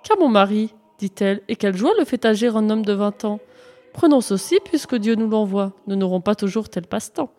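A woman's voice: mid-range voice, fairly quick, lightly acted. A woman doing a flustered innkeeper's wife. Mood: musing. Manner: excited exclamations.

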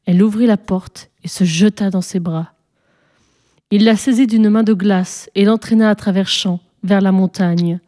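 A woman narrating a folk tale expressively, slowing and hushing her voice at tense moments. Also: medium pitch. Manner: expressive, dramatic pacing, hushed at tense moments. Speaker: storyteller. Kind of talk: scripted story narration.

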